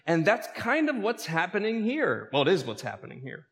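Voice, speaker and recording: A man's voice: high voice, normal speed, in a large hall. A male pastor preaching a sermon, calling out questions to his congregation. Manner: lively preaching with calls to the congregation.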